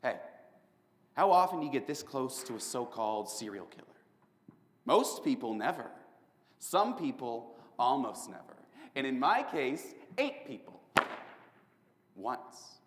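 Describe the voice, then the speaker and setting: A man's voice: very animated, measured pace, long pauses. A man doing a sardonic young killer on death row. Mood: mocking. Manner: sardonic, swinging between loud outbursts and low hushed lines. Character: charming young male serial killer on death row, mocking. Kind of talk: competitive prose interpretation. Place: performance room at a speech competition. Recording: echoey hall reverb.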